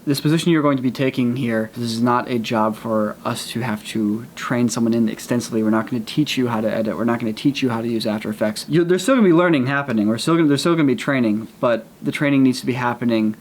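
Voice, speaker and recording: A man's voice: mid-range voice, quick pace, hardly any pauses, slight background noise. A man hosting a video, explaining in a straightforward, earnest way what a job requires. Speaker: host explaining a job opening. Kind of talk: casual explanatory talk.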